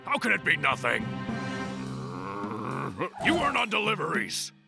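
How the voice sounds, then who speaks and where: An earnest cartoon dinosaur warrior with a creaky, gravelly edge. The delivery is dramatic and grumbling, swinging widely in pitch at an unhurried pace, over clear background music. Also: male voice, huge pitch swings, full character voice. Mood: hurt. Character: earnest, put-upon dinosaur warrior working pizza deliveries. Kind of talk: animated cartoon voice acting.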